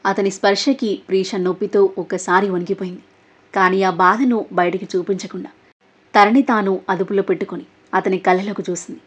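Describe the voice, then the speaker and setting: A woman narrating a romance story serial in an expressive, dramatic way. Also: medium pitch, brisk. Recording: dull lo-fi audio.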